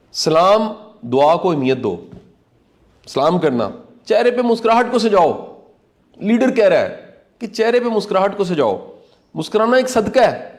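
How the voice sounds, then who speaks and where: A man's voice: medium pitch, darkish tone. A man giving earnest, preachy commentary on a talk show.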